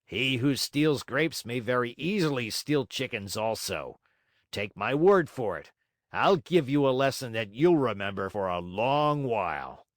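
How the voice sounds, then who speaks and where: A man voicing an angry, stern farmer in a storybook, rough and threatening in manner. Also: on the low side, animated, unhurried, no echo, studio quality. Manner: rough, menacing.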